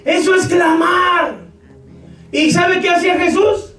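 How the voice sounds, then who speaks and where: A male pastor preaching a sermon, shouting scripture and joking with his congregation. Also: extremely high pitch, level tone, takes it slowly, faint music behind. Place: church hall. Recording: echoey room, far from mic.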